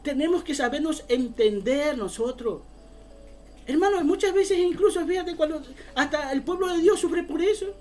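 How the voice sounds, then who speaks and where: A woman's voice: sits high, normal speed, darkish tone, soft background music. A woman preaching a fervent sermon, often calling her listeners brother.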